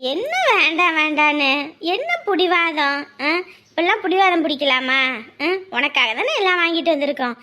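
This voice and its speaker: An actress playing a village grandmother, coaxing and gently scolding a child. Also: sits high, expressive, normal speed, slight background noise. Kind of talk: village family drama.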